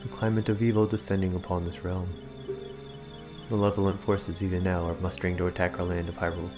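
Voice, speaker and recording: A man reading aloud as an ancient guardian tree spirit, slow, solemn and old-fashioned. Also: low-pitched, flat delivery, music in the background, lightly acted. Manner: slow, archaic, grave.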